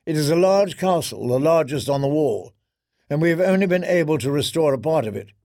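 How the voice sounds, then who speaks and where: A man playing an earnest young commander who speaks with measured courtesy. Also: fairly high pitch, animated, a little mellow, dry recording, clean studio sound.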